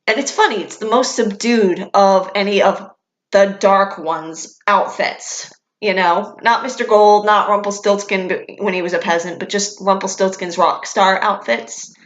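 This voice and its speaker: A young woman vlogger chats about a favorite show in a candid, enthusiastic way and swears casually now and then. Her voice sits at an ordinary middle pitch. It is recorded in a room that gives it a noticeable echo. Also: steady tone, a little slow, dull audio. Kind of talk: casual fan commentary. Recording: echoey room.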